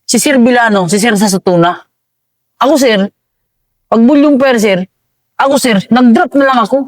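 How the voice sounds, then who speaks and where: A man, an army veteran, recounting combat in a casual interview, halting and calling the host "sir" again and again. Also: very high voice, no room sound.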